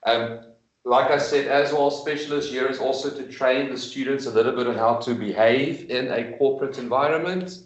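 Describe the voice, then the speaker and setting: Male presenter, mid-pitched, conversational, explaining things informally on a video call from an echoey room. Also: normal speed. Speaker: presenter at a school information evening. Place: room with in-person attendees, streamed on a video call.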